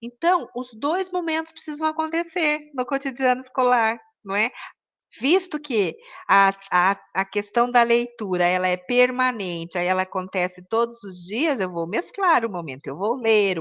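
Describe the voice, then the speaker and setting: A woman's voice: on the high side, lively intonation, moderate pace, fairly bright tone, lo-fi sound. A woman teaching an online course on reading to children, explaining step by step and often adding tag questions.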